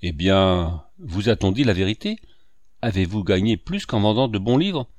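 A man voicing a gentle but firm village priest, in a grave, measured reading. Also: on the low side, very animated, no echo. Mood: stern. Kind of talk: audiobook character reading.

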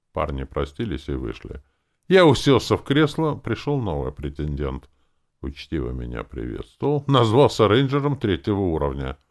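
A man narrating a first-person audiobook in a very deep, gravelly voice. His pitch moves widely, giving the reading a wry, lively feel. The voice stays rough and grainy from line to line.

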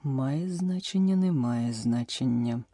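A woman voicing a pompous, flustered old male king in an audiobook, speaking slowly and ponderously. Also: fairly low pitch, sing-song, warm tone, dry recording, studio quality, heavily acted. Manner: slow and ponderous. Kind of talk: audiobook character voice.

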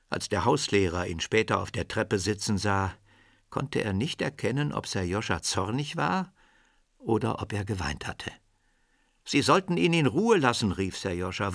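A man narrating a radio drama with a fairly low voice, recorded dry and close. His storytelling is measured and expressive. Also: no echo. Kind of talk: scripted literary narration.

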